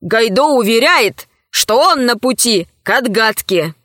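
A woman's voice: fairly high pitch, animated, measured pace, fairly bright tone, no echo, studio quality. A woman voicing a young boy who answers in a guarded, evasive way.

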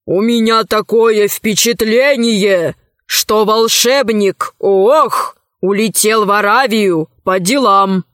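A woman puts on a grumpy, proud old dragon who drags out every word in a slow, heavy drawl. The tone is bright and edgy, and the close, dry recording keeps it right up front. It sounds like a storybook beast fed up with his passengers. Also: medium pitch, no room sound. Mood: matter-of-fact. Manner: slow, weighty and indignant. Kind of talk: audiobook character voice.

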